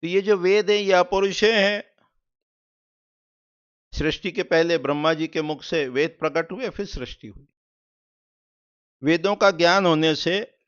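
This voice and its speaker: A man's voice: on the high side, a bit bright, clear, resonant tone. Man giving a muffled lo-fi lecture. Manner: explains step by step, asks and answers own questions. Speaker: vastu teacher. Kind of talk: explanatory lecture. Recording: muffled lo-fi recording.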